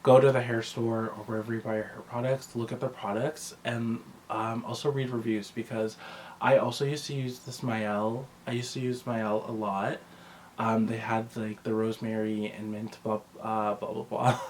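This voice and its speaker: This man's voice is on the low side, darkish and level, at a moderate pace, with slight background noise. He's a vlogger talking casually to camera about his personal routine, rambling conversationally and frequently interrupting himself.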